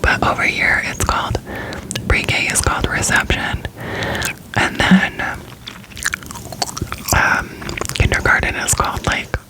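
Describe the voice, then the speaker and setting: A young American woman from Florida whispers an informal, unscripted ASMR ramble, breathy and up close to the microphone. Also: takes it slowly, pauses often, low-quality recording. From Florida, United States. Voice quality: whispering throughout, breathy and unvoiced. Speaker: ASMR creator.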